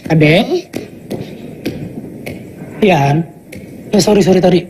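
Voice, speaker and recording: A woman's voice: lowish voice, slow pace. An actress playing an affectionate young mother who coaxes her child. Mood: pleading. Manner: coaxing, animated. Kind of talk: film acting. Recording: noisy film audio.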